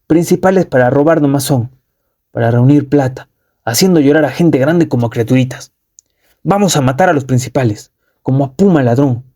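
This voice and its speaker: A man's voice: mid-range voice, normal speed, warm tone, voice pushed up, lightly acted. A man voicing a fiery village rebel who rouses his fellow villagers. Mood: angry. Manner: defiant, rousing.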